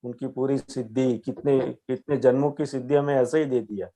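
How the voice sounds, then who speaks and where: A man with a Gujarati accent giving a gentle spiritual teaching, patiently checking that his young listener understands. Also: medium pitch, fairly even intonation, moderate pace.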